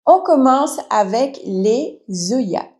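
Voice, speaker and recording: A woman's voice: sits high, expressive, slow pace, darkish tone. Chatty plant-loving woman vlogger. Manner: chatty, enthusiastic, self-deprecating. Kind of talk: casual chat to camera. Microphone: reading from a notebook to camera.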